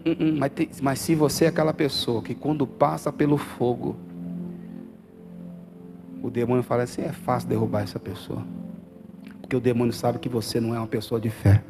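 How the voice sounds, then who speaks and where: A male pastor with a Brazilian Portuguese accent preaching a fervent sermon in a church, swinging from quiet talk to loud calls and asking for amens. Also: medium pitch. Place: church hall.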